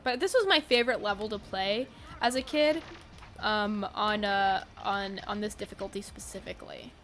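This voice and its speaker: A woman's voice: medium pitch, moderate pace, a bit bright. A woman chatting casually while streaming a game, tired and yawning, rambling with lots of fillers and giggles.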